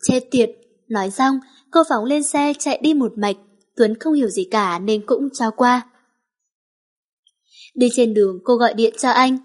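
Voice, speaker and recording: A woman narrating a romance story in a brisk, even reading. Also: a little high.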